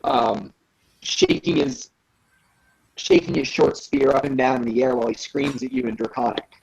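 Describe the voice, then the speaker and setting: A woman with a low, gravelly voice runs a tabletop game, relaxed and full of ums. Her pitch moves around a lot as she narrates. The recording sounds slightly dull and lo-fi. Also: normal speed. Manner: relaxed, hesitant, frequent ums. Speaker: game master.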